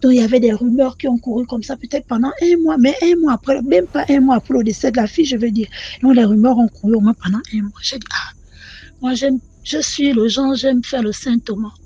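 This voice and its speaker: A woman telling her own mystical experience in an animated, repetitive way, speaking directly to the channel. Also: fairly high pitch, a little fast, slightly rough, no room sound, dull audio. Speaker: caller sharing a personal story. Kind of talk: personal testimony storytelling.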